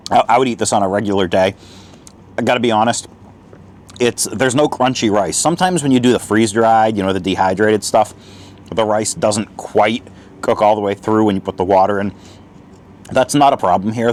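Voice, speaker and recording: A man's voice: fairly low pitch, a little mellow. A man, chatting casually outdoors while tasting and reviewing a camp meal, talking with his mouth full. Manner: chatty, talks while eating. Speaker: outdoor vlogger. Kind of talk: casual food review vlog. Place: outdoor picnic spot.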